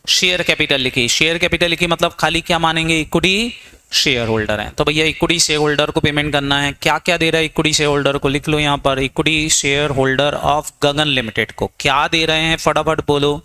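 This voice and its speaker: An Indian man gives an accounting lecture, firing questions at his students and pressing for quick answers. His voice is crisp, bright and a little high. He slips English accounting terms into his Hindi. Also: steady tone. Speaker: accounting teacher. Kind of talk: classroom lecture.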